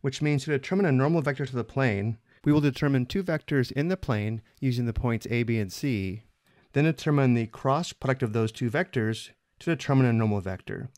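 A man explaining a math problem step by step in a screencast lesson, steady and methodical. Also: mid-range voice, fairly quick, no room sound, studio quality. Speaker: math instructor.

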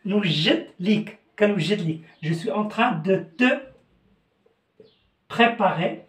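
A man with a Moroccan accent teaching French, slowly repeating phrases and switching between languages. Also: high-pitched, fairly bright tone. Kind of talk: language lesson. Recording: echoey room.

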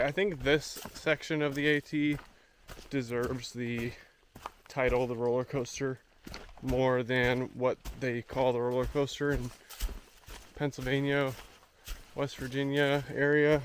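A man's voice: medium pitch, a little hiss or hum. A young man talking to a handheld camera outdoors in a forest, in an easygoing, chatty vlog check-in while he hikes. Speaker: thru-hiker vlogger. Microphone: camera at arm's length.

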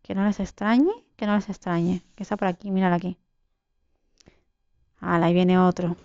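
A woman's voice: fairly low pitch, level tone, moderate pace, darkish tone, no room sound, highs cut off. A young woman with a Spain Spanish accent giving casual gameplay commentary, chatting to herself and her viewers, with sudden shrieks and swearing. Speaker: gameplay streamer.

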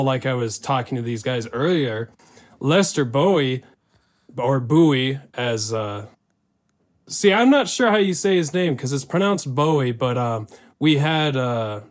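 A man hosting a casual podcast chat who talks in a rambling, emphatic way, with lots of fillers and the odd swear word. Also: medium pitch. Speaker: podcast host.

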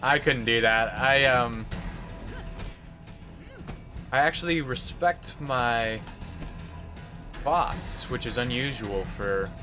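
Here a young adult American streamer talks at a slow pace with frequent pauses, his voice medium in pitch. He plays a game at his desk in an indoor room, casually answering viewers over faint game music.

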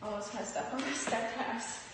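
A woman's voice: fairly high pitch, moderate pace, slight background noise. A young adult woman teaching step dance, calling out steps in short rhythmic counts while demonstrating. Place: large indoor studio room with hard floor. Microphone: phone camera across the room. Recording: echoey room from far off, loud music.

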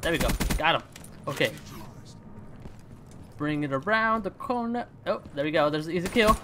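A young man hosting his gaming channel, chatting casually and reacting out loud as he plays. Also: on the high side, normal speed, background noise. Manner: excitable, chatty, swings between hushed focus and loud outbursts. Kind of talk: casual gameplay commentary.

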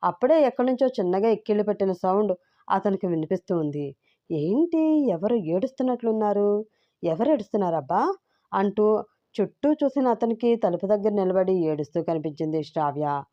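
A woman's voice: mid-range voice, fairly quick, highs cut off. Woman narrating a romance story. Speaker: storyteller and channel host. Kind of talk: narrated love story reading.

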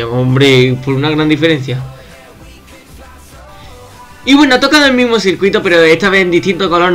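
Excitable young gamer, bright voice. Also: male voice, fairly high pitch. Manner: excitable, swears and shouts at opponents. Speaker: gaming youtuber. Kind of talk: casual gameplay commentary. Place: at home.

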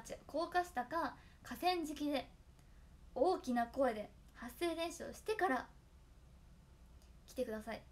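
A young woman chatting casually to fans, reciting tongue twisters and giggling often. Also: sits high. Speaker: idol trainee talking to fans. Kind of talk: casual solo stream chat.

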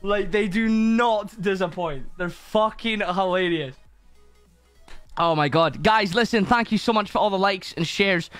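A man's voice: high-pitched, a little slow, a bit bright, soft background music. A man chatting casually to his viewers on a live stream, swearing often and greeting people by name.

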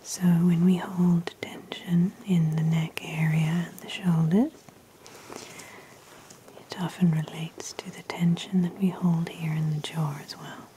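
A woman whispering gentle, reassuring instructions in a slow ASMR massage roleplay. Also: lowish voice, flat delivery, a little hiss or hum, low-quality recording. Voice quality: whispering, soft and soothing.

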